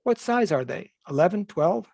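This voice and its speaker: A man reading aloud and voicing a brisk, businesslike young woman working as a studio aide. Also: sits high, very animated, creaky, a little mellow, no echo, pitched above the performer's own voice, exaggerated voice.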